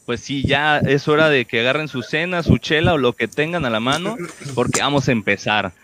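A man's voice: medium pitch, a little fast, fairly bright tone, no echo. Mexican man hosting a casual talk show. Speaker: host.

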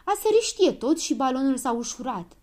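A woman's voice: high-pitched, big pitch swings, darkish tone, voice pushed up. A woman voicing a grumpy little dwarf man who grumbles and sounds suspicious. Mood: grumbling.

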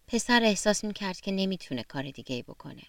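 A woman narrating a children's story gently and expressively, sometimes speaking straight to the young listeners. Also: mid-range voice, very animated, no room sound.

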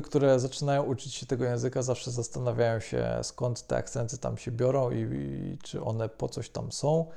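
A man teaching French grammar, speaking in a measured way with frequent hesitations. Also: mid-range voice, gravelly, dark tone. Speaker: language teacher. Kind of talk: explanatory lesson.

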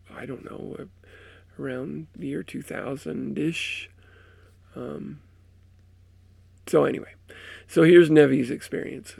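A male podcast host with a sick, strained voice from a cold, talking in a halting way with many fillers, then reading an account aloud. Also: mid-range voice, creaky, darkish tone, breathy edge, no room sound. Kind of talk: casual intro and reading aloud.

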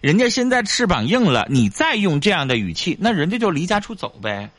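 A man's voice: high voice, big pitch swings, fairly quick, a bit bright, no echo, clean studio sound. A man hosting a radio call-in advice show, lecturing callers bluntly.

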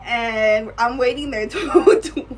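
A woman's voice: fairly high pitch, takes it slowly. Laughing, swearing young woman telling a story. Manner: laughing, profane, animated storyteller. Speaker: podcast co-host. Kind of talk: casual storytelling chat. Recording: slightly distant mic with faint room noise.

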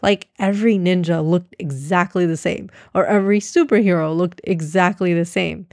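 A woman's voice: lowish voice, steady tone, moderate pace, a little mellow, dry recording, studio quality, natural voice. A woman voicing a patient young boy who explains things earnestly in a children's storybook. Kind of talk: storybook reading.

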